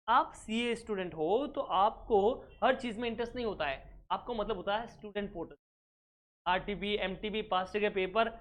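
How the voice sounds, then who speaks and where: A man teaching accounting in a recorded exam-prep lecture, who keeps asking his class quick check questions and mixes English terms into his explanation. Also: high voice, fairly bright tone.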